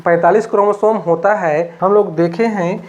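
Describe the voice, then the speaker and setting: A man's voice: high-pitched, fairly even intonation, normal speed, darkish tone. A man from Chhattisgarh teaching a biology class, explaining step by step and repeating himself often, with many fillers. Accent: Chhattisgarh Hindi. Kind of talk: classroom lecture.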